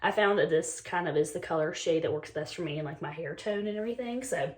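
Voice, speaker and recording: A deep-voiced, fast-talking woman in her twenties from North Carolina works as a beauty vlogger. In this casual get-ready-with-me chat she does her makeup while a bit sick and losing her voice, peppering her talk with "like" and "um."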